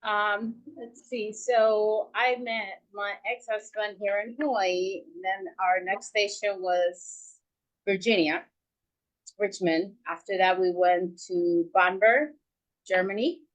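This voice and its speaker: A woman from Peru chats as a guest in a soft, hesitant way. She pauses often and fills gaps with small fillers. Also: medium pitch, steady tone, rough recording. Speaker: guest, real estate agent. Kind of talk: casual chat.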